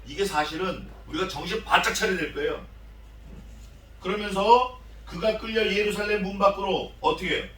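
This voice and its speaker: Animated high-voiced pastor in an echoey church. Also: male voice, normal speed, distant mic, a little hiss or hum. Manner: animated, asks the congregation questions and acts out scripture voices. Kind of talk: expository sermon. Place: church sanctuary.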